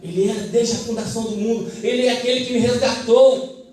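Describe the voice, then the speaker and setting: A man's voice: extremely high pitch, fairly even intonation, fast, darkish tone, soft background music. A man with a Brazilian Portuguese accent preaching a fervent sermon and calling for amens from the congregation. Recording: echoey church hall, mic at a distance.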